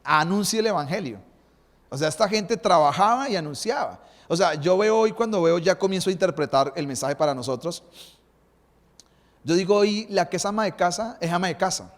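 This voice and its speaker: A man's voice: high voice, lively intonation, a little fast, in a large hall. A male pastor, preaching a sermon and asking the congregation rhetorical questions.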